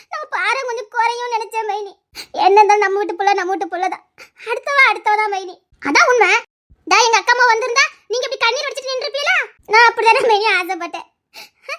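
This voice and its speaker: A very high, quick-talking woman with a complains on and on, tearful and aggrieved, as an actress plays her. Her words tumble out in a run of grievances in a web series drama. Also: a bit bright. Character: grumbling woman complaining about her household to a sister-in-law.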